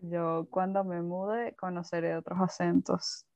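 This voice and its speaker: A woman's voice: fairly low pitch, little pitch movement, unhurried, creaky, a little mellow, dry recording. A woman in casual podcast chat, exclamatory and often trailing off while she hunts for words. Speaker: podcast co-host. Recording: dull, dry lo-fi sound.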